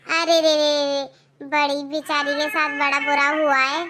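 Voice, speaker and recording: A woman's voice: sits high, level tone, measured pace, pushed and bright, a little hiss or hum, pitched below the performer's own voice. A woman voicing a caring elderly village grandmother in a cartoon, coaxing and ending her lines with little questions. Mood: soothing. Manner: coaxing, ends with tag questions. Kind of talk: cartoon voice acting.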